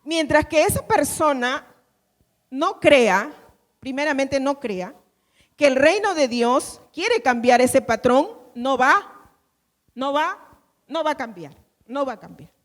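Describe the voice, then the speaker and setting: High-voiced woman pastor preaching in a reverberant hall. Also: expressive, slow, long pauses. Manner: emphatic, repeats phrases and asks the congregation to say them back. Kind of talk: sermon. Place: church.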